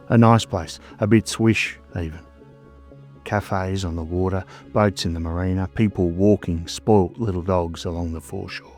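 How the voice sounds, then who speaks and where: A man's voice: low voice, darkish tone. An Australian man narrating scripted ghost stories as a storyteller host, in a suspenseful, dramatic manner with short phrases.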